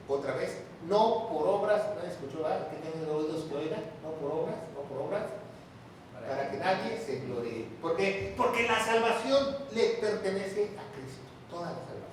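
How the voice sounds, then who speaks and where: Preaching a Bible teaching sermon, a male pastor presses his points hard, repeats key phrases and throws rhetorical questions at the congregation. His voice sits high, with a little hiss or hum. The setting is a church or large hall, streamed online, with heavy echo and the mic well away from him.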